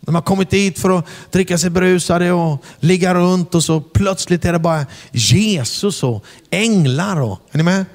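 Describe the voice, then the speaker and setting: A man preaches in a lively storytelling style, often asking the congregation whether they are with him. His voice sits a bit high for a man and carries a long hall reverb. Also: few pauses. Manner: animated, asks the crowd "are you with me?"; shouts acted quotes in English. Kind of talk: storytelling sermon. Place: church hall before a congregation.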